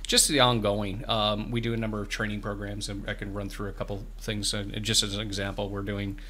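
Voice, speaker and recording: A man in his fifties, appearing as a farm bureau representative on a small radio studio show, earnestly explains programs and keeps restarting his words. His lowish voice is brisk, bright, and forceful, held at a level tone, with slight background noise. He speaks into a boom-arm studio microphone while wearing headphones.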